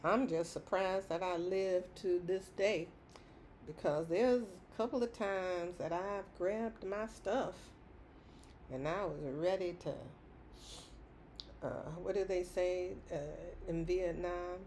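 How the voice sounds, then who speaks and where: A middle-aged woman records a rambling personal monologue in a lowish voice, laughing often between phrases. She talks very slowly and repeats her points for emphasis. A faint hum of room noise sits behind her. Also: steady tone, a little mellow. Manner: emphatic repetition. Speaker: vlogger.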